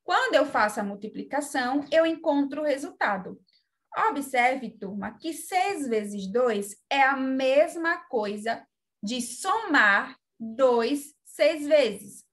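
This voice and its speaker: Brazilian woman, primary teacher; high voice, unhurried, calm step-by-step explaining. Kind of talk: remote lesson for young children.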